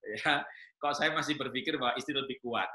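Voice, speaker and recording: A man's voice: mid-range voice, brisk, bright, forceful tone, roomy sound. A man preaching a humorous sermon to married couples, teasing the listeners with questions and jokes. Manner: joking, teasing the audience with questions.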